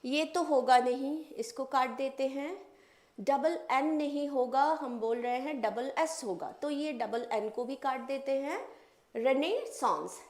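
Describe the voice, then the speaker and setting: High-voiced woman teacher spelling words slowly. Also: darkish tone, reverberant. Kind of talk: exam-prep spelling lesson.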